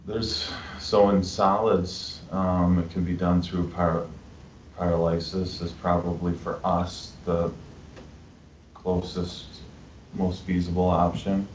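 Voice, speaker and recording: A man from a wastewater utility explaining things at a public meeting, pausing often with fillers. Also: low-pitched, little pitch movement. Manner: hesitant, filler-heavy explaining. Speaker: wastewater utility staff member. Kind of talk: meeting discussion. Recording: echoey, dull meeting recording with faint hiss.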